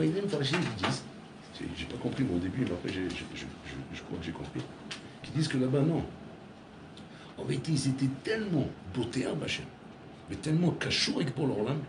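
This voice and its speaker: Animated rabbi in an echoey room. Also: male voice, mid-range voice, noisy background. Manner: storytelling with acted dialogue, swings between loud and hushed. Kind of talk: animated sermon. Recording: echoey room with faint ambience.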